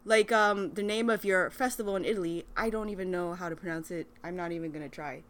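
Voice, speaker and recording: A woman hosting a casual interview, chatty and lively, laughing often as she asks questions. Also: lowish voice, fast talker. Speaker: podcast host.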